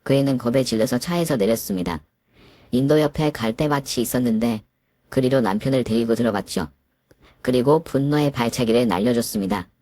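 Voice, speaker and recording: A woman narrating a dramatized family story in the first person, with sharp, indignant retorts in her own scenes. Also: rumbling low, brisk, no room sound, studio quality. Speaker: narrator and lead daughter-in-law.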